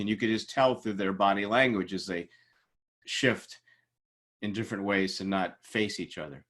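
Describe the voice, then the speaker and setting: Male lecturer with a low voice, relaxed and chatty, lots of fillers and restarts. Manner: casual, conversational with frequent fillers and restarts. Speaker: teacher. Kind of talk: recorded lecture.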